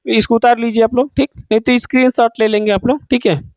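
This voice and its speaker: Male Hindi tutor, very high pitch, dry close sound, drills students with repeated questions. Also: little pitch movement, fairly quick, a little mellow, no room sound, dull audio. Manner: asks students questions and answers them himself; calls students "babu", repeats key points. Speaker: Hindi teacher. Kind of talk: online exam-prep class.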